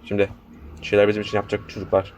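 Very fast and completely flat, a young man's fairly low, slightly mellow voice runs casual let's-play commentary on a horror game, cheering on the characters and scolding the enemy. The audio has its highs cut off and a little hiss or hum.

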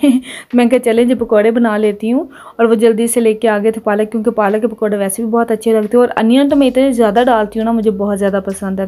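A woman's voice: on the high side, dark tone. A woman in her thirties chatting casually as a home vlogger, laughing often as she talks. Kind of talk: casual vlog narration.

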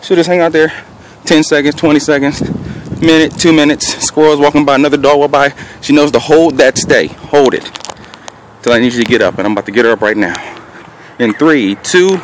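A man with a slightly high voice and fairly even intonation talks fast while filming himself in an open park with a handheld camera. He narrates dog training casually and instructively, calling out short, firm commands between explanations. The audio is noisy, with outdoor ambient sound.

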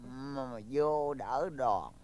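An older man with a Southern Vietnamese accent playing a boastful, stubborn village father in a comedy film, exclaiming loudly. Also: medium pitch, very slow. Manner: blustery, exclaims loudly, lively swings. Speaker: film actor.

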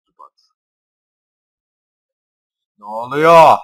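Over a low-quality recording, a young man gives very slow, casual commentary on the game he's playing. He curses constantly, veering from quiet mumbling to loud yelling.

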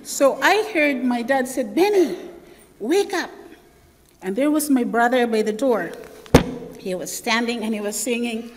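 Woman church elder, sermon storyteller, slightly high voice, reverberant hall. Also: moderate pace. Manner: animated storyteller, acts out family voices. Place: church sanctuary.

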